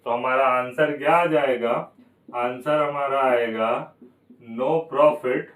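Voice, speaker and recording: A man's voice: mid-range voice, fairly even intonation, slow pace, fairly bright tone, reverberant, recorded from a distance, rough recording. A man teaching a maths lesson for exam prep, asking questions and answering them himself, going step by step. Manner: explains step by step, repeats key numbers.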